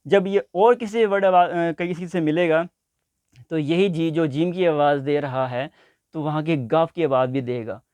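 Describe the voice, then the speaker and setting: A man teaching a basic English lesson, speaking slowly and repeating example words. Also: fairly high pitch, darkish tone, no room sound. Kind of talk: spoken language lesson.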